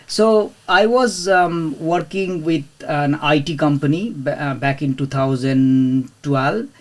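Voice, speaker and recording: Speaking slowly in a slightly high voice, this podcast guest is a property investor in his thirties who comes originally from India. The interview is casual, and he hesitates a lot, filling his speech with fillers and restarting sentences often.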